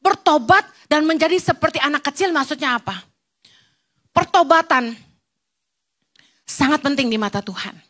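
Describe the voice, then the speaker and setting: A woman's voice: high-pitched, normal speed, pauses often, a bit bright. A middle-aged woman pastor, preaching bluntly and mixing slang with English words. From Indonesia. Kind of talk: sermon.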